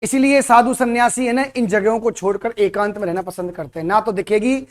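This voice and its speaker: A man's voice: sits high, a little fast. A man teaching at a coaching center, giving a motivational classroom talk and throwing rhetorical questions at his students.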